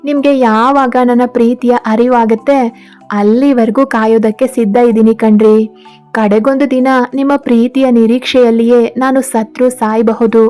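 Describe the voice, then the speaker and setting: A woman's voice: on the high side, fairly even intonation, moderate pace, warm tone, faint music behind, close to an everyday voice. A woman voicing a devoted young man who earnestly pleads his love, in a read-aloud story. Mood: pleading. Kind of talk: storybook narration.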